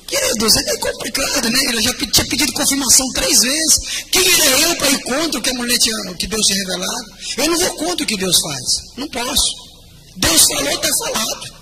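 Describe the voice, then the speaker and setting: An older man, a pastor telling his testimony in animated storytelling with bursts of shouted praise. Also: very high-pitched, brisk. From Rio de Janeiro, Brazil. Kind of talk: testimony sermon. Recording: loud background noise.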